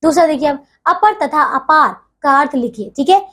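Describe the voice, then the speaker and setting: Young female teacher, high-pitched, patient classroom explainer for children. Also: moderate pace, a bit bright. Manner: patient, repeats "dekhiye" and "theek hai" often. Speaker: school teacher. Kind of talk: explaining a grammar lesson to children.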